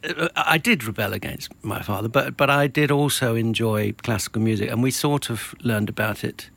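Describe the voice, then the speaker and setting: A man's voice: mid-range voice, moderate pace, gravelly, fairly bright tone. A man hosting a casual interview, often restarting and repeating words as he thinks. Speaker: host.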